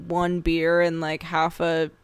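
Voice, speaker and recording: Woman in her twenties, casual podcast chat, low-pitched, smooth voice, dry close sound, a bit tired. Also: completely flat delivery, slow pace, dry recording. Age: 20s. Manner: chatty, laughs often, says "like" a lot. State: tired after a late night. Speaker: podcast co-host.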